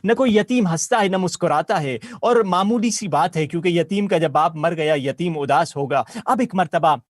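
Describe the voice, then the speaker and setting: A man's voice: a little high, no echo, clean studio sound. A man, a religious scholar, telling a devotional story in a sermon, earnest and repeating key phrases for emphasis. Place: live broadcast studio.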